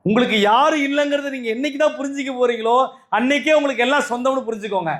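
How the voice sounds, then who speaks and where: A man with a Tamil Nadu accent preaches to his followers in a raised, high voice. He hammers points home with repetition and rhetorical questions, calling out to the listeners directly. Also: very fast, fairly bright tone. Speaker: spiritual speaker. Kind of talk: spiritual talk to followers.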